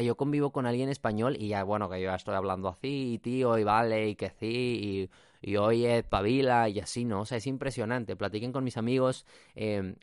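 A man's voice: medium pitch, clean tone, dry recording, studio quality. A man with a Mexican accent hosting a podcast, talking in a casual, reflective monologue, slipping in English phrases and tag questions. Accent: Mexican Spanish. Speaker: podcast host.

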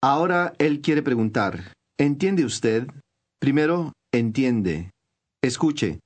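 Guy narrating a language lesson, calm clear instructions, mid voice. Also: medium pitch, slow pace. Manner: clear, patient teacher's instructions.

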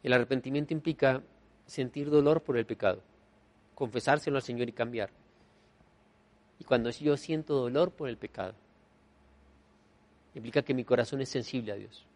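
A man preaching a sermon, emphatic, swinging between soft and loud and repeating key phrases as refrains. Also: medium pitch, normal speed, pauses often. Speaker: pastor.

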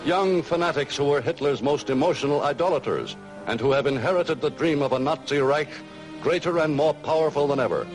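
A man's voice: a little high, normal speed, low-quality recording. An American man giving grave, declamatory narration in an old newsreel. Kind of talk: scripted narration. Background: music.

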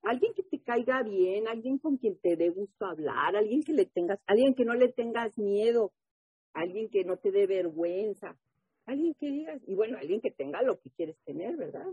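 A woman speaking at a recovery group meeting, giving her testimony and reading aloud, animated and often asking the listeners questions. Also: medium pitch, moderate pace, husky, no echo. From Mexico. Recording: muffled phone-like audio.

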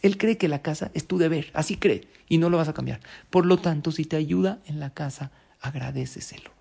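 A man giving marriage advice in a somewhat high, gravelly voice. He is instructive and emphatic and keeps asking his listener rhetorical questions. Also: a little fast, dark tone. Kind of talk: direct-to-camera advice talk.

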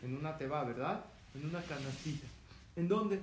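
A man's voice: fairly high pitch, normal speed. Storytelling man in a roomy hall. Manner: lively storytelling, asks the audience questions. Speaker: rabbi lecturer. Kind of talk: religious lecture to an audience. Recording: roomy hall with faint noise.

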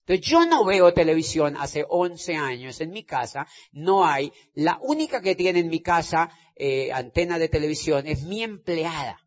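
Man, high voice, emphatic motivational speaker, repeats lines, muffled recording. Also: very animated, a little slow, hardly any pauses. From Colombia. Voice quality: emphatic, repeats phrases, asks "you understand?". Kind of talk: motivational stage talk. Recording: dull lo-fi sound.

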